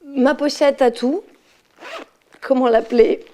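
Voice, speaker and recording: Self-amused woman teacher, slightly high and warm voice. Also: steady tone, takes it slowly. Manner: amused, laughing at herself. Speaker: schoolteacher being interviewed. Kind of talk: casual talk while emptying her handbag.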